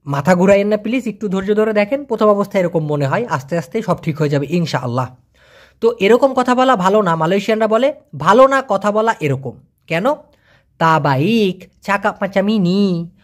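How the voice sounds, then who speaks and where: Brief: language tutor from Bangladesh, animated up-and-down delivery, drills pronunciation slowly and patiently. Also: mid-range voice. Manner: encouraging asides to learners. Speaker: language teacher. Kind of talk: online language lesson.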